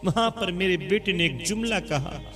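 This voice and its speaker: A man's voice: high-pitched, animated, moderate pace. A man preaching an emotional sermon story in a dramatic, impassioned way. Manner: impassioned, dramatic, rising to cries. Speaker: religious preacher. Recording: music playing under the voice.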